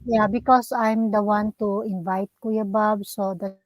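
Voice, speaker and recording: A woman with a Filipino accent speaks in a casual group chat. Her pitch is average and her delivery is halting and apologetic. The sound is dry, with no echo. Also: fairly even intonation.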